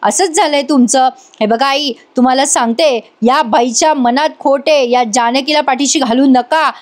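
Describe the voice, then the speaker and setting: A woman voicing a scheming, sharp-tongued young woman who taunts and accuses her family in a soap recap. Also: sits high, moderate pace, close to an everyday voice. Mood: taunting.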